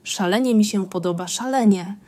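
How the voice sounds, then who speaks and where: A woman's voice: mid-range voice, fairly even intonation, moderate pace, dark tone, close to an everyday voice. A woman voicing an effusive aristocratic countess and wife who talks in an emphatic, gushing way.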